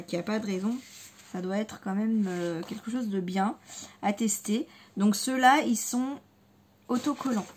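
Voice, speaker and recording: A woman's voice: medium pitch, a little mellow, a little hiss or hum. A woman chatting casually in a haul video, hesitant with many fillers and repeated words, enthusiastic about her crafting materials. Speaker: scrapbooking vlogger.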